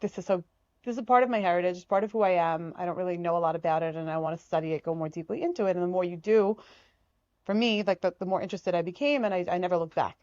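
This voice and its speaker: Animated emphatic woman talking. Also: on the low side, racing, no room sound, dull audio. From United States. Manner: animated, emphatic, acts out quoted remarks. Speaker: podcast guest, artist. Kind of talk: conversational interview.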